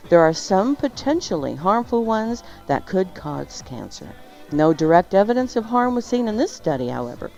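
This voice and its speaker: A talk show host reads health news and sponsor spots playfully, her mid-range voice somewhat dark. The audio is dull and lo-fi, with music behind her.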